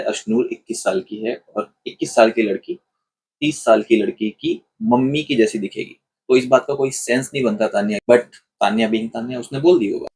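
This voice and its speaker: A husky-voiced man at a middle pitch, casually reviewing a television episode. He retells the events in an animated way and acts out the quoted lines as he goes. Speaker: online show reviewer. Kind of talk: casual commentary.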